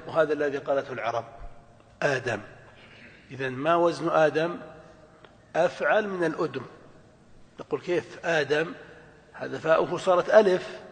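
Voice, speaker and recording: Man, teacher, step-by-step explaining, questions to class, fairly high voice, long hall echo. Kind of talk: classroom grammar lesson.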